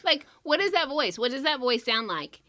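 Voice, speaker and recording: A woman's voice: high-pitched, big pitch swings, moderate pace, fairly bright tone. A woman explaining a strategy in casual chat, step by step, with many "like" fillers.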